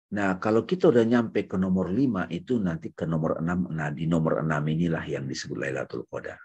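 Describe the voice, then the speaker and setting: Husky-voiced man musing on faith. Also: low-pitched, a little fast. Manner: swings from hushed musing to loud chanted takbir. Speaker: speaker in religious study session. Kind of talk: reflective spiritual talk.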